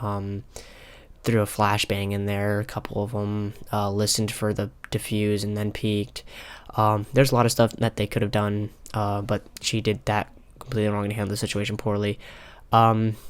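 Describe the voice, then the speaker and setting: A young man calmly talking over a replay of his own ranked match, pausing often with filler ums. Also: on the low side, clean tone. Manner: halting, many filler ums, calm and analytical. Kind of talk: casual gameplay commentary. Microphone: console headset mic.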